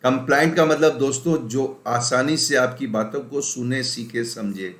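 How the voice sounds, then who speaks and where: A man's voice: mid-range voice, normal speed, a bit bright. Emphatic male teacher drilling vocabulary. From India. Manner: emphatic, drills words by repeating them; mixes in English phrases. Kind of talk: exam-prep vocabulary lesson. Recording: roomy echo.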